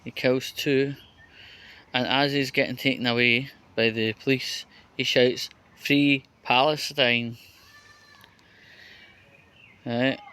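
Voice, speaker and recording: Through a train station and into a lift, a Scottish man vlogs in a casual, rambling walking monologue, full of fillers and restarts. His mid-range voice sounds pushed, bright, clear, and resonant, with fairly even intonation, a slow pace, and long pauses.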